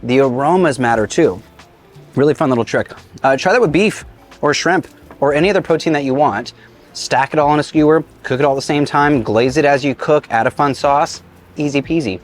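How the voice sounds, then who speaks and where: A man's voice: a little high, brisk, faint music behind. A man hosting a casual cooking demonstration outdoors, chatty and enthusiastic as he cooks and tastes. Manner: enthusiastic, chatty, talks with a mouthful at times. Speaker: cooking show host, chef. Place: outdoor griddle cooking set.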